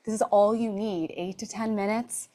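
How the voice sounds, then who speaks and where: A woman's voice: medium pitch, steady tone, moderate pace, mellow. A woman fitness coach, out of breath after exercising, explaining training to an online class.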